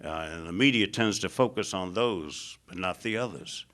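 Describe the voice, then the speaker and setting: A man's voice: normal speed, a bit bright. An American man giving a public lecture on foreign policy, speaking emphatically and stacking up lists, with frequent "uh" fillers. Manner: emphatic, builds lists with rising pitch.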